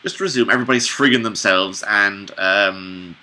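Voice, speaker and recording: A man's voice: on the low side, normal speed, bright, forceful tone, rough recording. A man doing a stumbling cold read of a play, breaking off for casual, wry, foul-mouthed asides. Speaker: solo reader and commentator.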